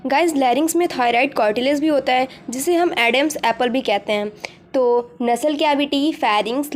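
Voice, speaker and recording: High-voiced woman teaching biology. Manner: addresses students directly, mixing English terms into Hindi. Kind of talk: explaining a school biology lesson.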